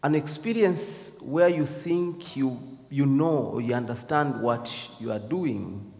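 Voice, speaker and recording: A man's voice: medium pitch, slow, creaky, a little mellow, long reverb tail. A man with a Zambian accent giving a reflective devotional talk, hesitant and full of fillers. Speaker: speaker.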